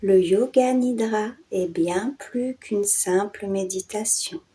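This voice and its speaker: A woman with a mid-range voice guides a yoga nidra and hypnosis meditation, speaking softly and in hushed tones. She uses short phrases with breathy endings and leaves long pauses between them. She is a meditation guide who also hosts a channel.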